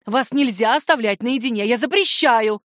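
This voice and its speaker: A woman's voice: on the high side, normal speed, no room sound, clean studio sound, natural voice. Woman reading as a stern, scolding mother. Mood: commanding. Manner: sharp, commanding scolding. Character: stern, fearful middle-aged mother.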